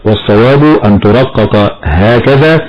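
Male tajweed teacher, low voice, measured delivery, slow chanted examples, dull lo-fi broadcast sound. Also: soft background music. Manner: measured and explanatory, chants verses slowly. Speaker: Quran recitation teacher.

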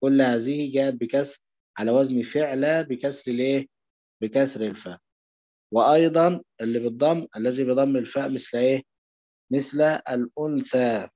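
An Egyptian man teaches with a warm, low-key tone, posing questions and then answering them himself. The recording is dull and lo-fi, with a dry, close sound. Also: fairly quick, dry recording. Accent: Egyptian Arabic. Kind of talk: explaining a lesson.

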